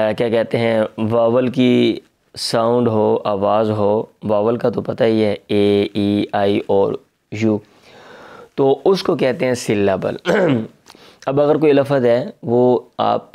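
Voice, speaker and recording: A man teaching a children's English lesson, reading each English phrase and explaining it in Urdu, repeating words for young learners and clearing his throat now and then. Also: mid-range voice, dark tone. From Pakistan. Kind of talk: slow line-by-line lesson translating English into Urdu.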